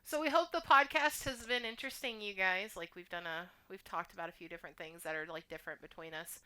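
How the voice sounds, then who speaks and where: Texan woman co-hosting a casual podcast, bright, crisp, chatty and teasing. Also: fairly low pitch, fast, low-quality recording. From Texas, USA. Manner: chatty, laughs easily, teasing. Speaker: podcast co-host. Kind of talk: casual chat.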